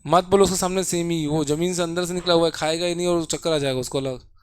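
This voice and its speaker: A man's voice: on the high side, fairly even intonation, quick pace, clear, resonant tone. Teasing male physics teacher in class. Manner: teasing, scolding students jokingly.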